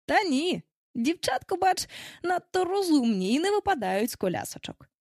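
A woman's voice: extremely high pitch, sing-song, a little mellow, no echo, studio quality, voice pushed up, heavily acted. A woman reading an audiobook, voicing a cheeky boy who never grows up, boastful and breezy. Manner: boastful, breezy, quick to brush things off.

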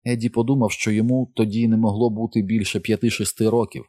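A man narrating an audiobook in a measured literary reading. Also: lowish voice, flat delivery, warm tone, dry recording, studio quality.

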